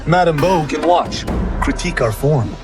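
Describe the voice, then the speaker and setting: An actor playing a cocky, restless young farmer who craves adventure, brash and teasing, in a video game cutscene. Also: male voice, on the high side, normal speed, over loud music, lightly acted.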